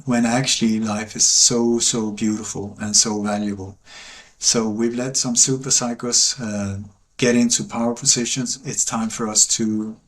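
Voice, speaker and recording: A man speaking as a guest in a podcast interview, earnest and emphatic, sliding into a preaching cadence. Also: medium pitch. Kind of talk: conversational interview.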